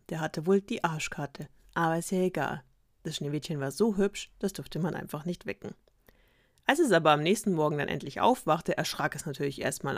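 Woman storyteller, lowish voice, dry close sound, ironic and slangy. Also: vocal fry, no echo. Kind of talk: casual fairy-tale retelling.

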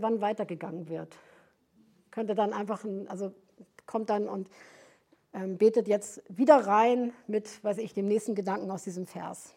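A woman's voice: mid-range voice, warm tone, husky. A woman teaching a session at a prayer house, explaining step by step and often searching for words with fillers and restarts.

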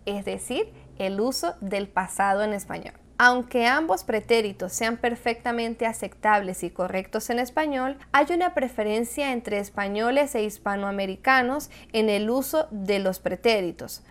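Her pitch on the high side, a woman teaching Spanish with a Latin American accent explains things clearly in a video lesson. She slows down whenever she gives example words.

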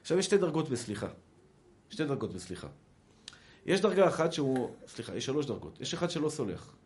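A man's voice: mid-range voice, big pitch swings, darkish tone. A man with an Israeli Hebrew accent, a rabbi giving a sermon, animatedly acting out quoted dialogue and calling his listeners brothers.

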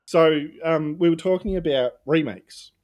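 A man co-hosting a podcast in casual banter, teasing and quick to correct the others. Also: a little high, a little mellow. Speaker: podcast co-host.

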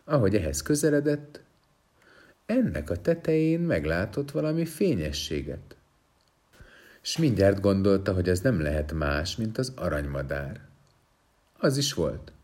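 A man reading a fairy tale aloud with expressive, dramatic storytelling. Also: deep voice, long pauses.

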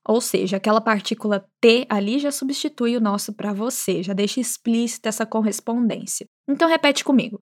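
Woman, Minas Gerais accent, slightly high; upbeat teacher running slow repeat-after-me drills. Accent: Brazilian Portuguese, Minas Gerais. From Minas Gerais, Brazil. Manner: slow careful modeling of phrases, upbeat and chatty asides. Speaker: Spanish teacher.

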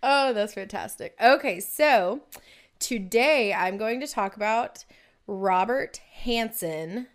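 A woman's voice: medium pitch, slow pace. Chatty woman telling crime stories. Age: adult. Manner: chatty, laughs often, fillers. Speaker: podcast co-host. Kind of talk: casual chat, true-crime storytelling.

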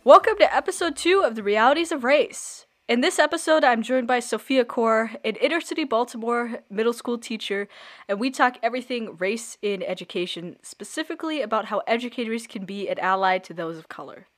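A woman's voice: on the high side, a little fast, fairly bright tone. A young woman hosting an interview podcast, earnestly introducing the show and asking her guest questions. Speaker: podcast host.

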